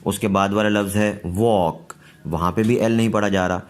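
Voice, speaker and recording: A man teaching English pronunciation, explaining rules patiently and repeating each word slowly. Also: on the low side, steady tone. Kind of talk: slow pronunciation lesson.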